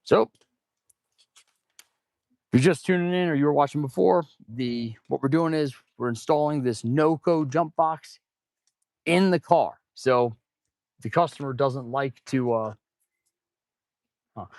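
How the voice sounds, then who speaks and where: A man who works as an auto shop mechanic hosts a casual livestream while he works, rambling informally and calling his viewers "man" and "guys." His voice sits on the high side with a darkish tone, and he speaks unhurriedly with long pauses. Heavy mouth breathing from a stuffy nose is clearly audible, and the recording has no echo.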